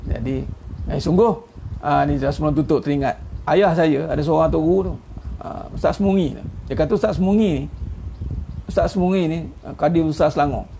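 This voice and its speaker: Delivering a casual sermon online, a middle-aged ustaz with a Malaysian Malay accent talks a little fast, his voice fairly high, gravelly and warm. He teases and chats, chuckling at his own humor, over slight background noise.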